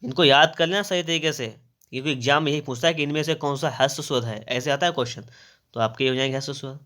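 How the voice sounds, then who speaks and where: A man's voice: medium pitch, fast, a bit bright. A man teaching grammar for exams, who asks his own questions, answers them, repeats the key terms and draws out the vowel sounds. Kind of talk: exam-prep grammar lesson.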